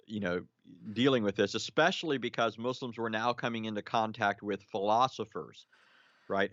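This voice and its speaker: Low-voiced man lecturing on a live stream. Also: a bit bright, no room sound, lo-fi sound. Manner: lecturing, frequent fillers and restarts, rhetorical "right?". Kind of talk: live online discussion, explaining.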